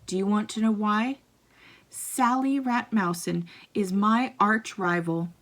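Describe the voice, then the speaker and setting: A woman's voice: mid-range voice, steady tone, takes it slowly. A woman reading a children's story aloud, telling it expressively in the first person. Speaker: children's book reader.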